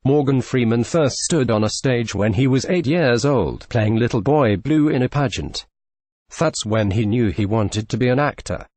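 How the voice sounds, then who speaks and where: A man narrating a scripted entertainment news report in a steady, even read. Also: mid-range voice, moderate pace, dry recording.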